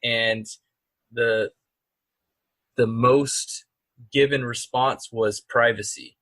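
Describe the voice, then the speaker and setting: A man's voice: medium pitch, steady tone, drawn-out words, fairly bright tone, dry recording. A man co-hosting a podcast, chatting casually and rambling with frequent restarts and fillers. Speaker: podcast co-host. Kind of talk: casual chat.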